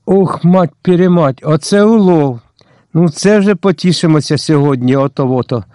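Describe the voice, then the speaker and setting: A man voicing a drunk, crude male thug henchman who talks loud and gleeful, in a dry audiobook recording. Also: a little high, moderate pace, no echo, voice pushed up, lightly acted.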